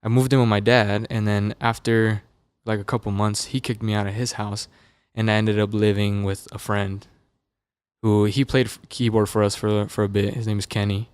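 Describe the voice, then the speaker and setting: Relaxed young man, low smooth voice. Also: moderate pace, dry recording. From Las Vegas, USA. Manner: relaxed, loose, filler-heavy storytelling. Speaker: musician guest. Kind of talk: casual interview chat. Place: podcast studio. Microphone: dynamic studio mic.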